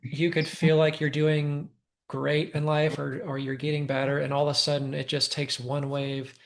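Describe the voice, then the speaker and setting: A male interview host with a gravelly, creaky voice. His pitch stays flat and even. He sounds supportive and often drops in short affirmations. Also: normal speed. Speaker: host and life coach.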